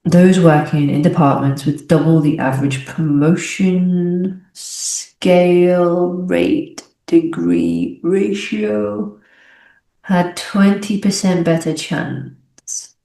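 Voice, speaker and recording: This young adult English teacher from the UK has a lowish, level, gravelly and mellow voice and speaks slowly. She thinks aloud through exam questions and corrects herself along the way, recorded in an echoey room.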